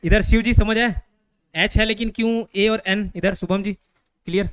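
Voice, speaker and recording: A man from India teaching a grammar class to students in a classroom, constantly checking that they follow with quick questions. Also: sits high, steady tone, fairly bright tone, smooth, no room sound.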